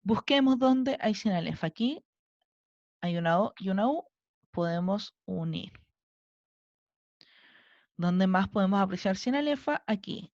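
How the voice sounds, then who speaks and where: A woman's voice: medium pitch, lively intonation, a little slow, long pauses, a little mellow, no room sound, highs cut off. A woman teacher with a Chilean Spanish accent, giving a recorded lesson and patiently counting syllables aloud step by step. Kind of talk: recorded online class lesson.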